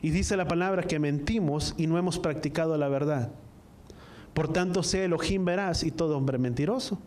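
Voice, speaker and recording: A man preaching a sermon to a congregation, reading scripture slowly line by line and asking the listeners to repeat after him. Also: fairly high pitch, darkish tone, slight background noise. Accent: Spanish-speaking, from the US-Mexico border. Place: church service, also streamed online.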